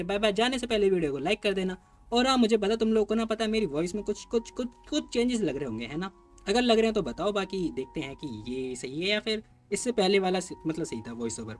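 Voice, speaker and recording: A man recaps a comic story in a quick, high voice that jumps all over. His tone is chatty and casual, and he speaks straight to his viewers as if they were friends. Soft music runs underneath. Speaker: manhwa recap narrator.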